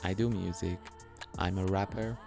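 A man's voice: deep voice, fairly even intonation, moderate pace, creaky, over loud music. A man, speaking hesitant English as he tells his life story, with fillers and restarts. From Iran. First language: Farsi. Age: 30s. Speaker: interviewee, musician. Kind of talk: personal storytelling.

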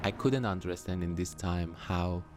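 A man's voice: sits low, measured pace, noisy background. A man, speaking hesitant English as he tells his life story, with fillers and restarts. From Iran. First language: Farsi. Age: 30s. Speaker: interviewee, musician. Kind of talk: personal storytelling.

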